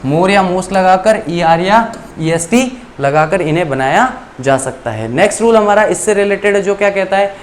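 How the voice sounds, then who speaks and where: A man teaching English grammar in a classroom-style lesson, explaining rules step by step and reading the English lines aloud slowly. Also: high-pitched, animated, slight background noise.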